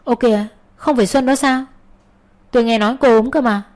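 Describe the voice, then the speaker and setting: A woman's voice: on the high side, fairly even intonation, darkish tone, close to an everyday voice. Woman voicing Kỳ, a smug teasing young man. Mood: mocking. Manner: quick, teasing, mock surprise.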